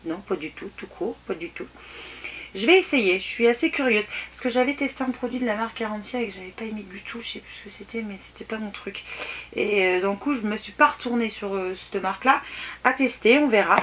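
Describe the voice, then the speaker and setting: Speaking fast in a slightly high, somewhat bright voice, a beauty vlogger opens a beauty box and chats casually about what's inside. She hesitates often and restarts a lot. The recording carries faint clicks and background noise.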